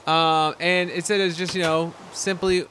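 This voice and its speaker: A man's voice: on the high side, flat delivery, measured pace, pushed and bright, slight background noise. A young man hosting a casual game let's-play, chatting in a rambling way full of fillers. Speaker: gaming channel host.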